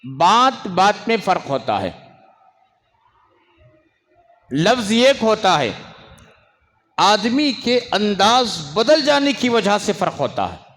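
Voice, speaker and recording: Animated male preacher in an echoing hall. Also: slow pace, long pauses. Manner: animated, swinging between raised emphasis and low asides; scolds and hushes children in the audience. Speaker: Islamic preacher. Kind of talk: religious sermon. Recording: long hall reverb.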